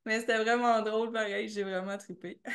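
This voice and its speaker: A woman's voice: on the high side, moderate pace. A young adult woman with a Québécois French accent, telling race stories as a podcast guest, laughing often. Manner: animated storytelling, laughs often, many fillers. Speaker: podcast guest, ultra trail runner. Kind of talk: casual interview chat.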